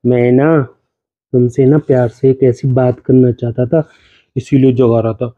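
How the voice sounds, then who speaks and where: A man's voice: mid-range voice, steady tone, unhurried, phone-quality sound. A young man hosting a home prank video on his wife, pleading and teasing with a laugh in casual banter.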